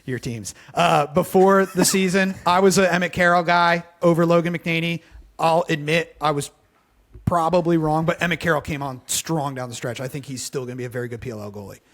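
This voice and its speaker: Male co-host, slightly high voice, relaxed offhand chat. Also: fairly quick. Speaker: podcast co-host. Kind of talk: casual sports podcast banter.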